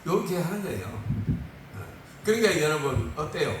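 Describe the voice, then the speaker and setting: A male pastor preaching a sermon in a lively, joking way, laughing often, recorded on a phone from far off in a church hall. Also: fairly high pitch, normal speed, slight background noise. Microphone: phone far off in the room. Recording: echoey room from far off on a phone.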